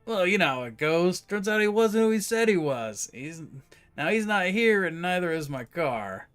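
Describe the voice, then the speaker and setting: A man's voice: sits high, big pitch swings, moderate pace, fairly bright tone, clean tone, soft background music, pitched above the performer's own voice. Man playing a cabbie, nervous, rambling, slangy, horror game character. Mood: jittery. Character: nervous fast-talking male cabbie on the run.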